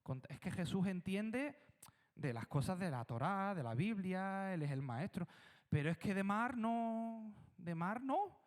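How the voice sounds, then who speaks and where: A man's voice: sits high, big pitch swings, unhurried. A man with a Spanish accent from Spain preaching a sermon as pastor, telling the story with drama and acting out voices in conversation. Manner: dramatic storytelling, acts out dialogue with God and disciples.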